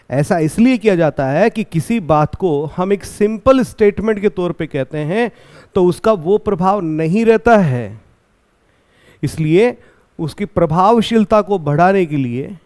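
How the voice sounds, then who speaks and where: High-voiced man teaching. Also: a little mellow. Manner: explains slowly, repeats key points, asks and answers own questions. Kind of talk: exam-prep lecture.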